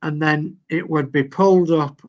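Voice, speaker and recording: A man's voice: on the high side, steady tone, muffled recording. An older man with a Yorkshire accent, patiently talking through model-building steps and reading instructions aloud on a video call. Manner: slow, patient, reads instructions aloud step by step.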